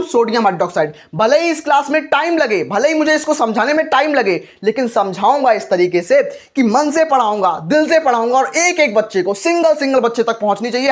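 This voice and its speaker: Earnest man teaching chemistry. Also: very high-pitched. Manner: repetitive call-and-response questioning; earnest and encouraging. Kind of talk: board exam chemistry lesson.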